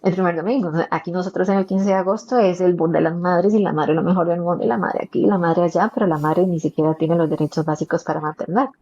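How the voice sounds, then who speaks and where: A woman's voice: lowish voice, fast talker, few pauses, a little mellow, breathy edge. Psychologist guest, woman, Costa Rican accent, earnest and explanatory, lo-fi dull recording. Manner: explanatory, earnest, uses many fillers. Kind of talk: podcast interview. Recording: dull lo-fi audio.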